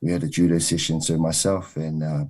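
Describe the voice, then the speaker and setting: A man from New Zealand, a wrestling coach, answering interview questions in a measured way with frequent ums and uhs. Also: very deep voice, level tone, a little mellow.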